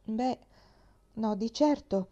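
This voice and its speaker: A woman's voice: on the high side, takes it slowly, warm tone, muffled recording, pitched above the performer's own voice. A woman voicing a cheerful, chatty little girl in a storybook reading, eager and bubbly.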